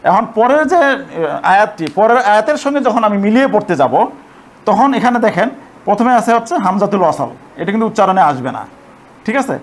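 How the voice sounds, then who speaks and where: A man teaching Arabic grammar in a patient, step-by-step way. He repeats his points, keeps checking that listeners follow, and slows down to spell out the Arabic examples syllable by syllable. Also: high voice. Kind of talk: explanatory lesson.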